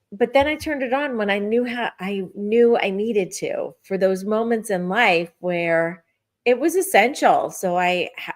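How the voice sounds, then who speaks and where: A middle-aged woman tells a personal story in a relaxed podcast conversation. She is animated and lively, and she acts out what she and others said along the way. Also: on the low side. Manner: lively, animated retelling with acted-out quotes. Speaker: podcast guest. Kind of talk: personal storytelling in casual chat.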